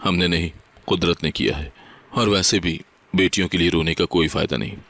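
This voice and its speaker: A man's voice: sits low, vocal fry, fairly bright tone, full character voice. A man reading the lines of a harsh, taunting mother-in-law in a storybook narration. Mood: scornful. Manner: taunting, contemptuous. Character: harsh scolding mother-in-law, older woman.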